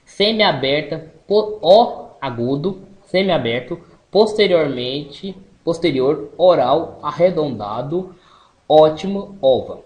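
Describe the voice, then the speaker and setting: Slow, halting young man reading a list. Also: on the high side, lively intonation, a little mellow. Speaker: student presenter. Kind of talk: reading a list of vowel features aloud. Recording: echoey room.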